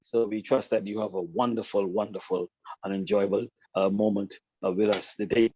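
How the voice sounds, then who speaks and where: A man's voice: lowish voice, fairly even intonation, a little mellow, slightly rough, dry recording. A man welcoming guests to a club meeting over a video call, repeating his phrases and drawing them out. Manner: repetitive, drawn-out phrases. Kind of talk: warm welcome speech with a told joke. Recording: dull, muffled call audio.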